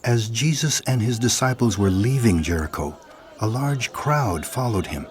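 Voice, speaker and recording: A man narrating a dramatized Bible reading in a steady, clear storytelling manner. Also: mid-range voice, moderate pace. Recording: narration over music bed.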